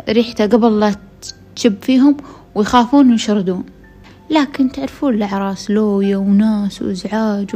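Addressing listeners conversationally, a podcast host with a Gulf Arabic accent shares a true story in a mellow, medium-pitched voice. She sounds tired, having been ill for a week.

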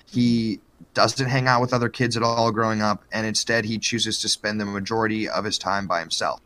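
A man's voice: lowish voice, steady tone, normal speed, pushed and bright. A man co-hosting a podcast, telling a true-crime story in a joking, profane, casual way. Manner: joking, profane, lots of fillers.

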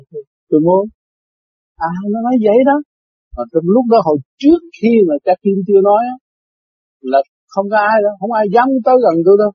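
A man's voice: high voice, slightly rough, no room sound, muffled recording. An older man giving a dharma talk as a spiritual teacher, telling stories in a chatty way and laughing often.

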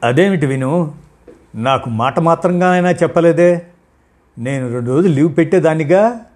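A proud working wife, quick to anger, her voice raised high and loud with a breathy rasp. She argues indignantly and will not back down, as a male storyteller puts her on. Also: expressive. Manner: shouting, indignant, heated. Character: angry young working wife, proud, sharp-tongued.

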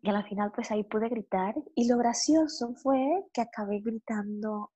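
Husky-voiced woman, animated storyteller, breaks into cries and laughs, sits a touch high. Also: moderate pace, lo-fi sound. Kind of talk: casual conversation.

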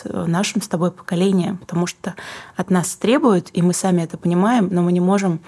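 A young woman from Kazakhstan with a low, husky voice gives reflective interview answers. She's a guest who sings and publishes books, and she speaks thoughtfully, searching for words and adding soft asides.

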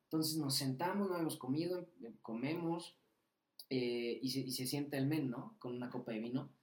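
A young man with a Mexican Spanish accent tells a long podcast anecdote, loose and slangy, swearing freely. His pitch sits mid-range for a man. The room adds a clear echo around him. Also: fairly quick. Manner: slangy, swearing, animated anecdote with acted quotes. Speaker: podcast guest. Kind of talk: casual storytelling. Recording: roomy echo.

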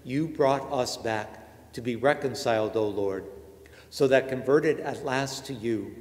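A man, a priest, reciting the prayers of Mass in a measured, solemn way, his voice ringing with a cathedral echo. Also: medium pitch, a little mellow. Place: large church. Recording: long cathedral reverb.

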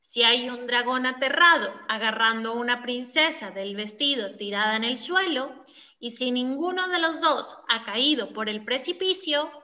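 A man's voice: extremely high pitch, moderate pace, pushed and bright, pitched above the performer's own voice, exaggerated voice. A man voicing a pompous male ceremonial warden who reads out a scroll in a formal, solemn way.

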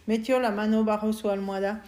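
Softly reading woman narrator. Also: mid-range voice, flat delivery, brisk. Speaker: audiobook narrator. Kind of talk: first-person audiobook narration.

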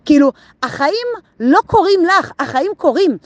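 High-voiced woman telling a lively story. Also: no room sound. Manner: animated storytelling, acts out her own thoughts. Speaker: vlogger sharing a daily insight. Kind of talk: casual motivational monologue.

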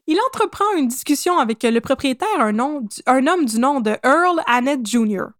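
Animated Québécoise woman telling history. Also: high-pitched, moderate pace, no echo, clean studio sound. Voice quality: animated, jokey, laughs often. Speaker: podcast host, storyteller. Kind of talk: casual history storytelling.

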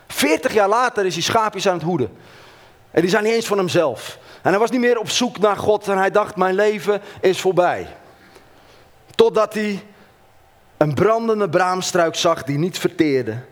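A man preaching a sermon, telling a Bible story with animated delivery and dramatic pauses. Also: high-pitched.

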